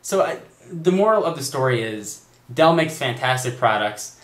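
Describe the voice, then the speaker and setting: Young adult male vlogger, exasperated storyteller, average pitch, echoey room sound. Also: animated, moderate pace. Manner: exasperated storytelling, quoting agents in raised voice. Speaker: tech vlogger. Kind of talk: direct-to-camera rant.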